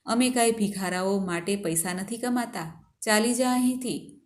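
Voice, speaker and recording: A woman's voice: medium pitch, measured pace, lightly acted. A woman voicing a harsh rich merchant who scornfully sends a beggar away, snapping contemptuously.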